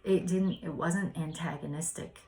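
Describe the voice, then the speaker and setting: A woman sharing personal reflections in a casual, hesitant way, full of fillers and pauses. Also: deep voice, steady tone, low-quality recording. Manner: soft-spoken, hesitant, many fillers. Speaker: spiritual study vlogger.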